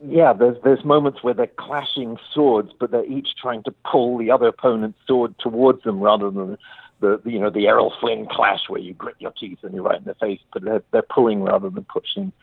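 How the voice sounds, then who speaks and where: A man's voice: mid-range voice, fairly quick, creaky, slightly rough, no echo. A male playwright being interviewed, speaking thoughtfully with many restarts over a phone line. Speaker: playwright guest. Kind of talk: interview conversation.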